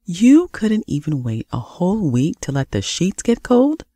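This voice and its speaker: A narrator voicing an angry young woman who speaks in sharp, sarcastic accusations in an audiobook. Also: on the low side, sing-song, a little slow, no room sound, clean studio sound, pitched above the performer's own voice. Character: furious young woman confronting her ex. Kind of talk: audiobook character voice.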